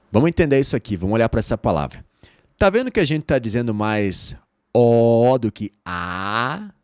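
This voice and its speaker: A Brazilian man with Portuguese as his first language, teaching an online English lesson and drilling phrases slowly with repetition. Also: mid-range voice, no echo, clean studio sound. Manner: lively, drills phrases slowly and repeats them.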